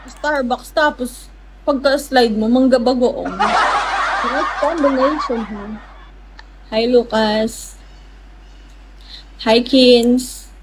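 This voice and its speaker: A woman's voice: fairly high pitch, extremely slow, pauses often. A woman hosting a casual livestream, with a playful, teasing manner, greeting viewers by name and chatting with them. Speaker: livestream host. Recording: steady background noise.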